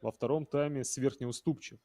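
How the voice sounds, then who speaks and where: A man's voice: mid-range voice, fairly even intonation, normal speed, warm tone. A man giving live football commentary in a conversational way, talking directly to viewers and players.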